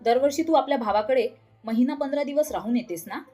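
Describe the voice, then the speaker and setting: Storybook wife, nagging and theatrical, pitched a little high, as a woman reader puts her on. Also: brisk, mellow, soft background music. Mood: complaining. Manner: scolding, sarcastic complaints. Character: middle-aged wife, complaining, dramatic, sharp-tongued.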